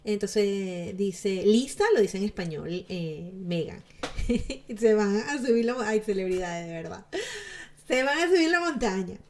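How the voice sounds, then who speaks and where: A woman's voice: medium pitch, animated, unhurried. A woman giving chatty, sarcastic commentary to her viewers, laughing often. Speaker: celebrity gossip vlogger.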